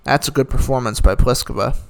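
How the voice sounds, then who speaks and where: Speaking briskly in a medium-pitched, creaky but clean voice, a tennis commentator recaps the day's matches. His take is casual and opinionated, rattling off scores with dry asides.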